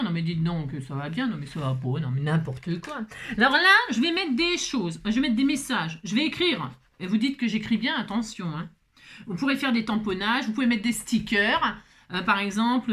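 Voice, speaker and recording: A woman with a fairly high voice talks viewers through a craft project in a loose, chatty way. She keeps tossing in "hein" and joking asides, often poking fun at herself. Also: a bit bright. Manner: chatty, peppers talk with "hein" and playful asides; jokey and self-mocking. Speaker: craft vlogger. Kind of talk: casual crafting tutorial.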